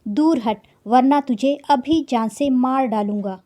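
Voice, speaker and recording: Lady reading as a grumpy lion king, barking threats, kinda high and mellow. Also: unhurried. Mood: roaring. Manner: roaring threats. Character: angry male lion, king of the jungle.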